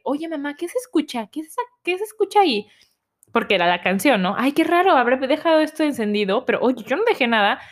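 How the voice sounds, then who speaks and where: A young Mexican woman with a Mexican accent, telling a personal story to her viewers in a casual, animated way and acting out her family's voices. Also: on the high side. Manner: animated, acts out voices of family, laughs often. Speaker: vlogger.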